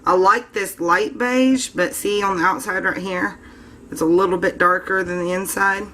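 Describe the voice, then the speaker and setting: Bright-voiced chatty woman vlogger. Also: mid-range voice, steady tone, moderate pace, a little hiss or hum. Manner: chatty, addresses viewers as guys. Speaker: soap-making channel host. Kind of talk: casual demonstration vlog.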